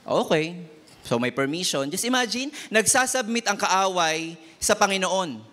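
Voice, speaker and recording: A man's voice: high voice, animated, normal speed, bright, forceful tone. A man preaching a sermon, mixing Tagalog and English and acting out the voices he quotes.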